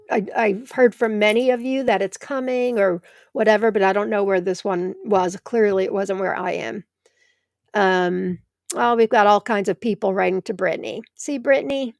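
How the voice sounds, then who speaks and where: A woman's voice: mid-range voice, vocal fry, a little mellow, dry recording, clean studio sound. A middle-aged American woman hosting a live stream from home, chatting and answering viewers by name. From United States. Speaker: host of a live tomato show. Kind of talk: live stream chat reading comments.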